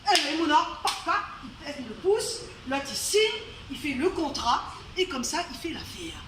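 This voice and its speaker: A woman with a Réunion accent speaks at normal speed in a high, sing-song voice while telling a folk tale live at a storytelling evening in a venue. Chatty and quick to laugh, she makes asides to the audience, and the live recording comes across as roomy and distant with faint noise.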